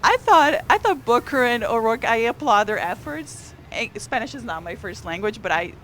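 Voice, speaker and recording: On the high side and animated, this woman's fairly bright voice moves at normal speed over slight background noise. A newspaper columnist whose native tongue is Portuguese, she talks politics chattily on a live stream, with fillers, restarts, and rising energy on key points.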